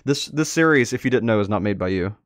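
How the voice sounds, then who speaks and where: Over music, a young livestream host at an indoor desk reacts casually and banters with his chat. He speaks fast in a lowish voice with lively intonation, captured at studio quality with no echo.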